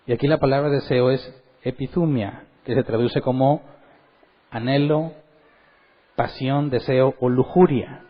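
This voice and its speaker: A man's voice: medium pitch, a little slow, long pauses, highs cut off. A man teaching a Bible study as pastor, asking his listeners questions and acting out quotes. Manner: animated, asks the audience questions and acts out quotes. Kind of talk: sermon-style Bible teaching.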